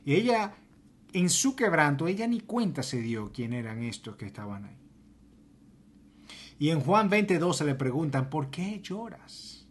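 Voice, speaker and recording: Husky man preaching with dramatic swings. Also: fairly high pitch, big pitch swings, normal speed, long pauses. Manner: dramatic, swings from emphatic to near-whispered. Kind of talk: sermon.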